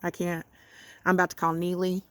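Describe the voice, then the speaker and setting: A woman's voice: fairly low pitch, monotone, brisk, a bit bright, no echo. A woman venting in a casual vlog about home-schooling her child, exasperated and self-mocking, swearing freely as she talks from her porch. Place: outdoors on a porch.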